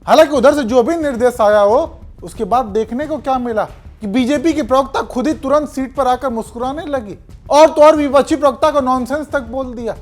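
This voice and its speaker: A narrator delivers a news commentary voice-over in a fairly high voice. The delivery is pointed, with sarcastic asides between recaps. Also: fairly quick, faint music behind.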